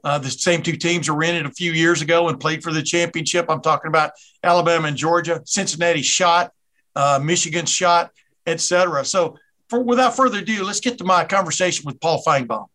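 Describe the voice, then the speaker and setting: A man's voice: on the high side, brisk, bright, forceful tone. A man with a Southern American accent hosting a sports podcast, chatty and rambling with many restarts. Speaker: podcast host. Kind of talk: casual sports podcast interview.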